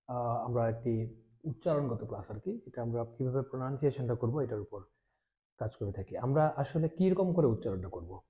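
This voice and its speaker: A man teaching a pronunciation lesson, repeating example phrases again and again. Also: mid-range voice. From Bangladesh. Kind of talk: classroom lecture. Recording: tinny phone-like audio.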